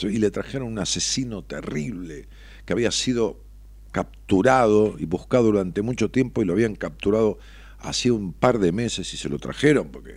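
A middle-aged man with an Argentine accent giving a reflective motivational monologue, expressive and salty, always tossing in tag questions. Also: low voice, breathy edge, no room sound. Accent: Argentine Spanish.

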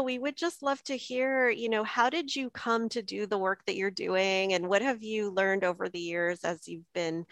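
A woman's voice: mid-range voice, fairly bright tone, no room sound. A woman hosting a podcast interview, introducing her guest in an enthusiastic, welcoming way. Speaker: podcast host.

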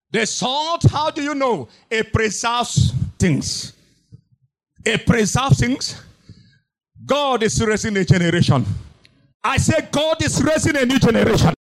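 In a very high voice, a man delivers a fiery sermon, shouting and chanting with a sing-song cadence. He repeats phrases and breaks into tongues.

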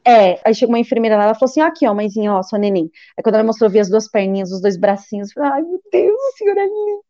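A woman telling an emotional personal testimony, animated, acting out the voices of others and praying aloud. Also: medium pitch, very fast, no room sound, dull audio. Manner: animated, acts out quoted voices and prays aloud. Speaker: guest giving a testimony.

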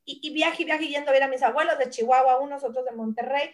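A woman's voice: high-pitched, quick pace. A woman in her forties from Mexico, a nutritionist guest telling family stories in casual conversation and acting out relatives' voices. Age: 40s. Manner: animated storyteller who acts out family voices. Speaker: guest, nutritionist and brand founder.

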